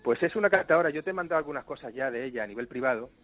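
A musician being interviewed on the radio, telling stories in a chatty, joking way. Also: male voice, medium pitch, expressive, very fast, dull audio. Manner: chatty, jokey storyteller. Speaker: musician guest.

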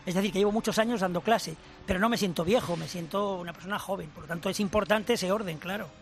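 Older man, high voice, emphatic, explanatory, radio interview. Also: quick pace, slight background noise. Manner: emphatic, explanatory, addresses host formally. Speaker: language professor and author.

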